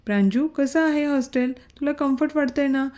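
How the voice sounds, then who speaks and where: A woman voicing a caring young wife who fusses softly over her family. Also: high voice, moderate pace, pitched above the performer's own voice, natural voice. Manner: soft, fussing.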